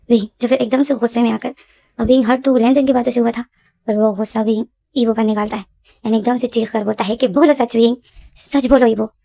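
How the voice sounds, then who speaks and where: A woman storyteller retells a love drama in a casual, repetitive, dramatic way. Her voice is fairly high, with a soft, warm, mellow tone. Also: vocal fry. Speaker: fanfiction storyteller.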